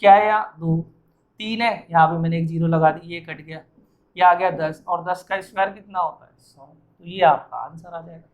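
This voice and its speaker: A tired, sweaty math teacher explains arithmetic problems while writing, asking and answering his own questions as he goes. His voice is a little high, with a steady tone at a moderate pace. The recording is rough.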